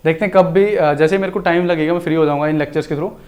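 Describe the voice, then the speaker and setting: A man's voice: fairly high pitch, fairly even intonation, rapid-fire, a little mellow. A male teacher lecturing in a chatty, explanatory way, slipping terms into his talk. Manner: chatty, explanatory, mixes Hindi with English terms. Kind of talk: recorded exam-prep lecture.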